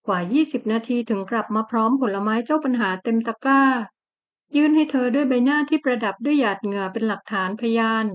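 A woman narrating a romance novel in an audiobook with an even, measured delivery. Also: on the high side, lo-fi sound.

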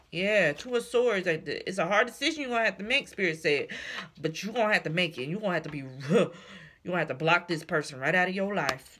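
A woman's voice: sits low, fairly bright tone, slight background noise. A woman giving a casual tarot reading, blunt and slangy, swearing freely and repeating her warnings. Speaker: tarot reader.

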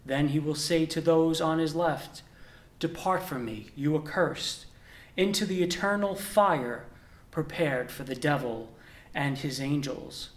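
Earnest young deacon, echoey chapel. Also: male voice, on the high side. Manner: measured, earnest proclamation with emphatic pauses. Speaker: deacon and seminarian. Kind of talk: gospel reading and homily. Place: indoor chapel with a stone wall.

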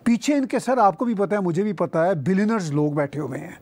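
A man's voice: high voice, lively intonation, fairly quick, darkish tone, dry recording. Opinionated male talk show host. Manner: pointed, opinionated framing of questions.

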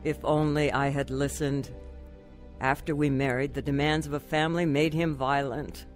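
Playing a troubled wife and mother, the lead actress recounts her life in earnest, confessional radio drama narration full of regret. Her voice sits low with a flat delivery at a moderate pace, lightly acted over soft background music.

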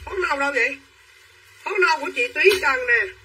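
A young woman selling clothes on a livestream, talking quickly and pushing viewers to claim items. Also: high-pitched, sharp tone, recorded from a distance, slight background noise, poor audio. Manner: quick and pushy, urging buyers to claim items. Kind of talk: live-selling chatter to viewers.

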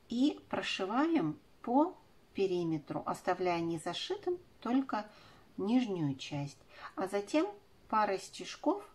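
With a fairly low, breathy-edged voice, a woman in her forties presents a craft tutorial for children. She gives step-by-step instructions and keeps using fond diminutives.

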